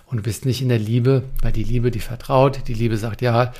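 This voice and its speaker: A man's voice: mid-range voice, fairly even intonation, moderate pace, darkish tone. A man giving a communication coaching talk, speaking in short punchy phrases, asking rhetorical questions and addressing the listener directly.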